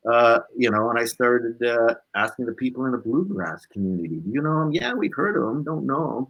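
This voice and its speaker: With highs cut off in the sound, a man with a mid-range voice talks fairly quickly. A blues musician and interview guest, he animatedly relays personal stories in a casual way, voicing bits of dialogue and finishing phrases with "right?".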